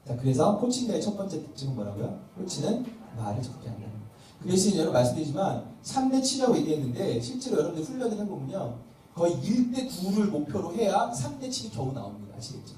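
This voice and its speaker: The pastor's voice sits high and sounds mellow, very animated and fast, as he teaches parenting in a church welfare hall classroom. Between quizzing the audience, he performs parent-child dialogues. A distant mic picks up hall reverb and faint noise.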